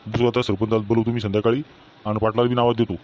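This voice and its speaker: A man's voice: fairly low pitch, level tone, racing, a little mellow, close to an everyday voice. A man with a Varhadi Marathi accent playing a weary old farmer father who grumbles and laments about his quarreling sons in a village comedy skit. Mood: lamenting.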